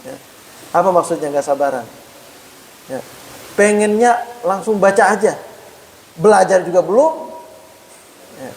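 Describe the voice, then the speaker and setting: A man giving a mosque study lecture, chatty and addressing listeners as sir, saying "ya" after nearly every phrase and slowly demonstrating Arabic letter sounds. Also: high voice, a little mellow, rough recording. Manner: punctuates phrases with a frequent "ya"; conversational, addresses listeners as "Pak". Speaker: Islamic teacher.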